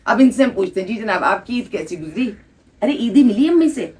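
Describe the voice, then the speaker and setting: Hosting a children's shelter event, a woman chats casually with the kids before the gathering, coaxing and teasing them and leading applause. Her voice is a little high and darkish in tone, with lively intonation and a fairly quick pace.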